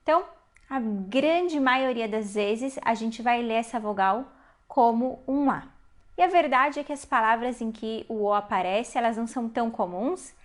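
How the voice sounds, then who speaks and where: A woman teaching a Hebrew reading lesson, explaining patiently step by step and slowing down to spell out syllables. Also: on the high side. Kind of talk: online language lesson.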